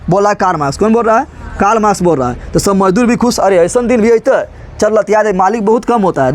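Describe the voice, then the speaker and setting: A male teacher gives a colloquial, joking history lesson, asking rhetorical questions and repeating key terms. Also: high-pitched. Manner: colloquial and joking, slips into regional dialect. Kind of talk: animated classroom lecture.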